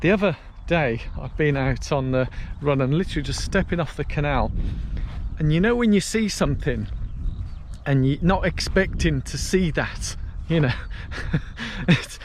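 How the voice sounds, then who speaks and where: Recording a casual walk-and-talk vlog on a canal path, a British man with a slightly high voice tells stories in a chatty way. He sounds animated and talks at normal speed. Faint outdoor ambience and traffic noise fill the background.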